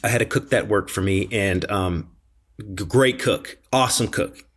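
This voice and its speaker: A middle-aged man, a chef co-hosting a podcast, telling stories in a slangy, animated way and often repeating himself. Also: on the low side, moderate pace. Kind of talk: casual chat.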